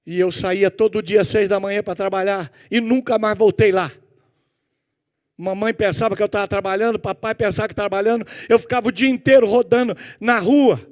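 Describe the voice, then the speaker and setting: A middle-aged pastor from Brazil preaching in a church, telling a personal story with sound effects and turning to question his congregation. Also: sits high.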